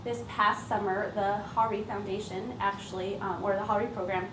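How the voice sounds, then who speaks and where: Speaking as a lead trainer, this woman teacher explains her work in a casual public talk she has partly prepared. She has a mid-range voice that moves little in pitch, delivered at normal speed. Recorded from afar in an echoey event space, the audio sounds roomy with noticeable background noise.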